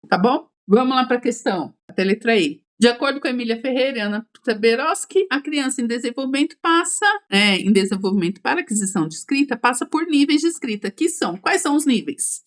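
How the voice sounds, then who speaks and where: Woman teaching an exam-prep lesson. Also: fairly high pitch. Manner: explains step by step, checks in with tag questions.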